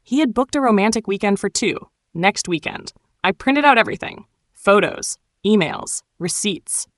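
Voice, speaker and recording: A woman narrating a dramatic first-person storytime tale in a cool, wry, sharp-tongued way. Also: mid-range voice, animated, normal speed, dry recording.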